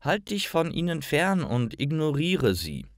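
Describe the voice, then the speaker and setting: A man's voice: fairly high pitch, sing-song, measured pace, no echo, clean studio sound, pitched above the performer's own voice. A man voicing a stern, dismissive old grandmother who speaks curtly and strictly. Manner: curt and strict.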